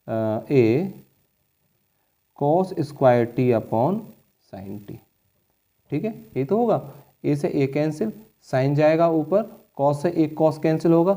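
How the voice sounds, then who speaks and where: Speaking in a dark tone that sits a little high, a man teaches maths for board exams. He takes every step patiently, keeps asking whether his students are following, and refers to them as children.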